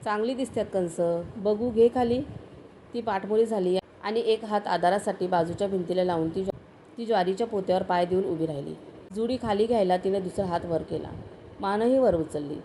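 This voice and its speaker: A woman reading a story aloud as narrator, steady and measured. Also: medium pitch, a little hiss or hum, poor audio. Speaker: story reader.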